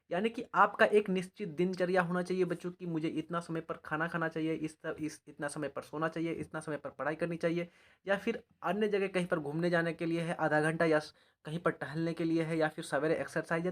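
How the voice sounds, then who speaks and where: A man giving exam advice to students as a teacher, often pausing to check in and calling them children. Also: a little high. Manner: repetitive, often checks in with "all right" and calls the students "children".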